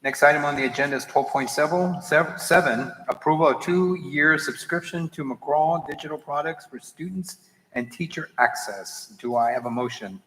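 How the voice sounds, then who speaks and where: Brisk, businesslike man chairing in an echoey hall. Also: a little high, fairly bright tone. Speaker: board meeting chair. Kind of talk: formal meeting procedure. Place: large echoey meeting room. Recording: echoey hall, clear background noise.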